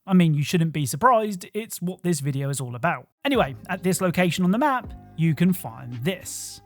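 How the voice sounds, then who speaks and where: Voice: mid-range voice, very animated, fairly quick, over music. A host narrating a scripted video game countdown with wry, joking asides.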